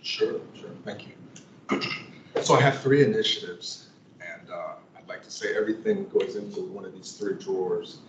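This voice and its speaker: A man's voice: sits low, normal speed, dull audio. A sheriff answering questions at a public meeting, methodically laying out his points one by one. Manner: methodical, lists points in order. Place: council meeting room. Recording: echoey room, distant mic, noisy.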